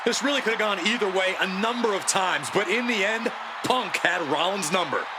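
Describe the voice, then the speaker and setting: A man's voice: high voice, lively intonation, fairly quick. A man giving dramatic, emphatic commentary as a wrestling commentator. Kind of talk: excited play-by-play and color commentary on a wrestling match. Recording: loud crowd noise behind. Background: roaring arena crowd, slams.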